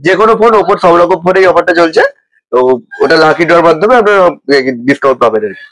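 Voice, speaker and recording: Male shop representative, West Bengal accent. Rapid, unscripted interview explanations, slightly raised pitch. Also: expressive, a bit bright.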